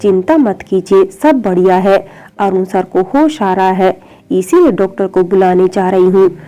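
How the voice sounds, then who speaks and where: A woman voicing a brisk, reassuring nurse. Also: medium pitch, mellow, close to an everyday voice.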